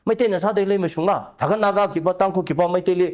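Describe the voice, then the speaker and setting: Guy talking on a talk show, kinda high voice, long animated explanations. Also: rapid-fire. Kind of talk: conversational discussion.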